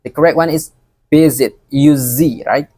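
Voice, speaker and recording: Halting and prone to repeating himself, this young man gives a recorded exam presentation as an education student. His Palembang Indonesian accent comes through in a medium-pitched voice with no echo on the recording.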